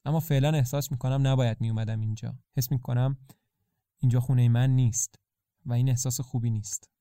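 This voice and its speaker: A man's voice: medium pitch, fairly even intonation, mellow, no echo, clean studio sound, natural voice. A man voicing a troubled, weary young male traveler who speaks in an earnest, hesitant and apologetic way, in a storytelling podcast.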